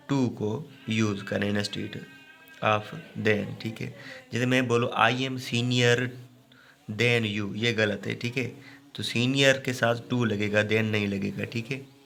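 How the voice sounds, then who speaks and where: A man teaching a grammar lesson. He explains each rule step by step, often stops to check with "okay", and reads out example sentences slowly. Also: lowish voice, vocal fry, fairly bright tone. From Pakistan.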